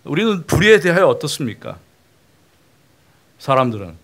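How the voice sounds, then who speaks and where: A middle-aged man preaching in a lecture-style sermon, talking with his congregation in a plain, conversational way. His voice sits a little high for a man. He keeps asking them questions as he teaches. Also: very animated, normal speed, a bit bright. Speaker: pastor.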